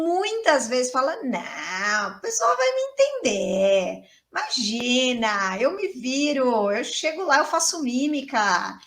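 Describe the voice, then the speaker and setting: High-voiced chatty woman teacher. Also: pushed and bright. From Brazil. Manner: chatty, emphatic, repeats key words. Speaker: English teacher. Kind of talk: casual video lesson.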